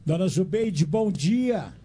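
A man's voice: sits high, big pitch swings, slow, mellow, breathy edge. An older Brazilian man hosting a radio talk show, chatting fondly with callers and adding preachy asides. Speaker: radio host.

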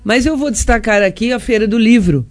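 Hoarse older Brazilian woman with a cold. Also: a little high, fairly quick, slight background noise. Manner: warm, chatty, tag questions. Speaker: councilwoman guest. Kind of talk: radio interview.

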